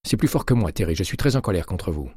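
A man's voice: sits low, animated, fast talker, a little mellow, husky, no room sound, clean studio sound. A man voicing an angry middle-aged woman doctor who scolds her patient, reading an audiobook. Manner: scolding, clipped and indignant.

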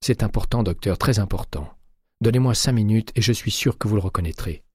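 Man reading a pushy male ex-patient, urgent, low husky voice, dry. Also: brisk, mellow, dry recording. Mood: insistent. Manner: urgent and persuasive. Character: insistent middle-aged male former patient. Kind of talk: audiobook reading.

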